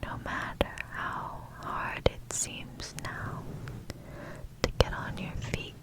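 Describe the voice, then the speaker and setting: A young woman giving a whispered ASMR pep talk, reassuring and soothing, gently repeating words. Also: slow pace. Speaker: ASMR host.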